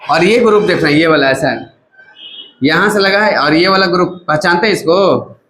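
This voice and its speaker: Male chemistry teacher, coaxing call-and-response lecture, voice pitched a bit high, faint noise behind. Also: moderate pace, fairly bright tone, low-quality recording. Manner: keeps asking the class to repeat terms; casual, coaxing teacher talk. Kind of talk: classroom lecture.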